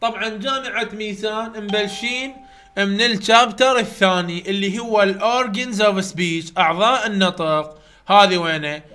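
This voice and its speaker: A man's voice: high-pitched, sharp tone. A man with an Iraqi Arabic accent giving a chatty live online lecture, repeating key points and speaking straight to his students. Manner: repetitive, chatty teaching, addresses students directly. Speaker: English phonetics tutor.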